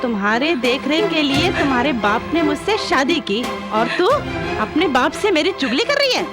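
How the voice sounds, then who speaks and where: A cruel middle-aged stepmother snaps out scolding orders. Her voice sits high and sharp, and film music plays loudly under her. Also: very animated, moderate pace.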